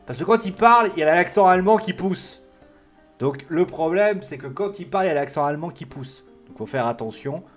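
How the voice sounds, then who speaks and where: A man's voice: fairly high pitch, animated, a little fast, soft background music. A man giving a casual, rambling solo review of a wrestling show, full of fillers and restarts.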